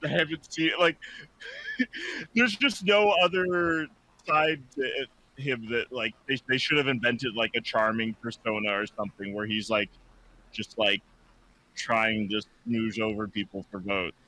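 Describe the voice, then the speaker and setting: A man's voice: mid-range voice, measured pace, sharp tone, slight background noise, rough recording. A man hosting a casual reaction chat, rambling with lots of "like" and restarts. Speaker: podcast host.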